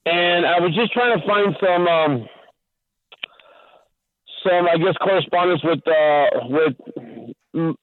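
Radio show caller, man, from California, halting, repeats words, phone line, dry distorted sound. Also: fairly high pitch, dry recording. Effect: phone call heard over the radio.

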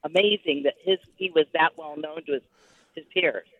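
A woman's voice: sits low, a little fast, slightly rough. Woman calling into a radio show by phone. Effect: phone call heard over the radio. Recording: tinny dry phone line.

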